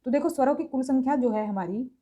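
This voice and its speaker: Mellow-voiced woman teaching grammar. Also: high voice, fast. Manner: explanatory, repeats sounds aloud, mixes in English terms. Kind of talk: exam-prep grammar lesson.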